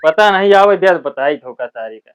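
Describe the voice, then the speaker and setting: A man with an Awadhi accent playing a gruff, exasperated old father-in-law in a village comedy sketch. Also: a little high, expressive, normal speed, slight background noise, natural voice. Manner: grumbling, scolding. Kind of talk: rural comedy sketch acting.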